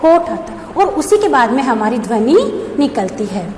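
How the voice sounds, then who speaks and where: Female teacher, high voice, reverberant room; poses questions and answers them, spells letters slowly. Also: big pitch swings, darkish tone. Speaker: school teacher. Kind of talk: classroom grammar lesson. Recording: echoey room with faint background hum.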